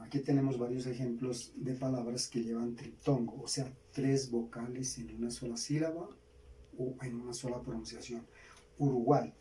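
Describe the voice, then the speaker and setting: A Colombian man teaching a grammar lesson, slowly repeating key words for students to write down. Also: medium pitch, warm tone. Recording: distant mic, faint background hiss.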